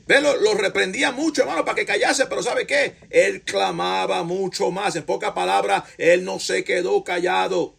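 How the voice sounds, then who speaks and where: High, gravelly-voiced fervent male preacher. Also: fairly even intonation, brisk, few pauses, fairly bright tone. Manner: fervent preaching studded with "hallelujah" and "glory to the Lord"; calls out to the congregation for praise. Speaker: pastor. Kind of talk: sermon.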